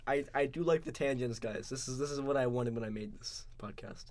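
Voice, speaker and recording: A man's voice: medium pitch, brisk, darkish tone. A man hosting his own podcast in casual chat, loose and laughing between phrases. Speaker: podcast host.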